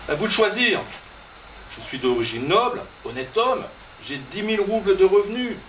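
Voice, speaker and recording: Guy playing a frantic landowner in love, high and bright, stammers, echoey stage far from the mic. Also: animated, moderate pace, a little hiss or hum. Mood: pleading. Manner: stammering, impassioned outbursts. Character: impulsive male landowner, proposing wildly. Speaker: stage actor. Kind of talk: amateur stage acting.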